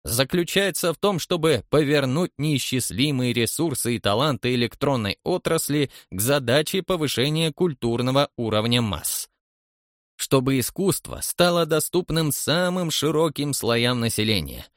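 A man's voice: mid-range voice, animated, normal speed, no room sound, studio quality, lightly acted. A man voicing a pompous elderly director of a large agency who speaks in lofty, grandiloquent phrases. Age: older. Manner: grandiloquent, then pleading and flustered.

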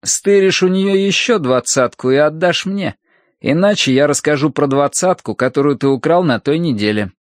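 A man's voice: on the high side, lively intonation, moderate pace, dry recording, studio quality, lightly acted. A man doing a sneering schoolboy bully. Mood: taunting. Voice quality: sneering, taunting. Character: sly bullying eleven-year-old schoolboy, extorting.

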